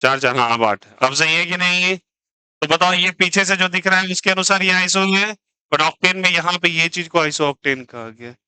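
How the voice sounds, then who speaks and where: A man teaching chemistry in a lively, teasing classroom lecture, joking and pushing students to answer. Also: sits high, moderate pace, clean tone, dry recording, poor audio.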